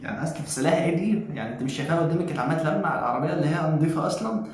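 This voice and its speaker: A man's voice: fairly high pitch, very fast, darkish tone. A man with an Egyptian accent hosting a reaction video, making mocking, sarcastic comments. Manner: mocking, sarcastic, laughs at the clip. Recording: very echoey room, faint noise.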